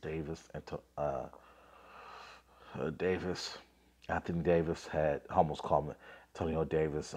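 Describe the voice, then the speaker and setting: Very deep, darkish and slightly rough, the voice comes from a man in his thirties who's coughing through the tail end of a cold. On his casual basketball podcast, he offhandedly reads scores and rants with many fillers, recorded via a selfie-framed phone mic.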